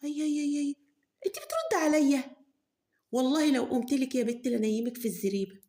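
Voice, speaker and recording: Woman doing a shrill Egyptian peasant mother. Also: lively intonation, fast talker, dark tone. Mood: scolding. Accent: Egyptian Arabic. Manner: shrill, nagging, cursing. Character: shrill scolding peasant mother, sharp-tongued.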